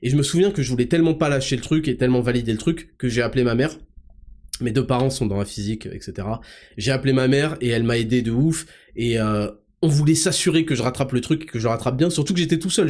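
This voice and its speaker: Animated man telling a story. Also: medium pitch. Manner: animated, rambling, colloquial, frequent restarts. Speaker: podcast host. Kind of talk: casual storytelling to listeners.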